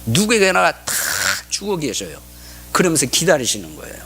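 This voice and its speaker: A male pastor preaching a sermon, asking the congregation questions and answering himself. He reads scripture in a raised, slowed voice and drops to a whisper for emphasis. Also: fairly high pitch, huge pitch swings, a bit bright, slightly rough.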